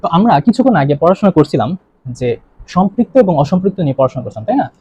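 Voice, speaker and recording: A man's voice: high-pitched, very animated, very fast, dark tone, a little hiss or hum. A young man teaching a chemistry lesson online, who keeps asking the class questions and repeating the answers. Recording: dull lo-fi recording.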